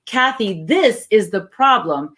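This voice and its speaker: A woman of ordinary pitch talks through a personal memory in an earnest, conversational way. She acts out the voices of the people she quotes and stays chatty and unhurried. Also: expressive, a bit bright. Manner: earnest, acts out quoted dialogue, laughs easily. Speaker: co-host sharing her testimony. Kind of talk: conversational storytelling.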